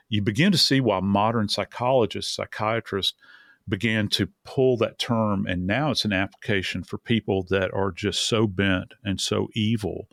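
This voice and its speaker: Gravelly man, low voice, earnest true crime talk, dry studio sound. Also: fairly bright tone, no echo. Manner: earnest, drawn-out, many restarts. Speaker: forensic expert co-host. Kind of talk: true crime podcast discussion.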